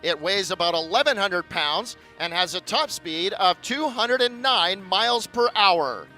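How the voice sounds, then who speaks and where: Male airshow commentator, bright and high-voiced, showy announcer delivery over faint music. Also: lively intonation, low-quality recording. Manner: announcer-like, building showmanship with drawn-out phrases. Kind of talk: live airshow commentary to a crowd.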